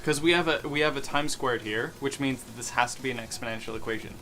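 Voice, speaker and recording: A young man hosting a stream, chatting casually over drinks in an animated, self-mocking way, swearing often. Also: mid-range voice, fast. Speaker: streamer host. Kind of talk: casual chat while drinking.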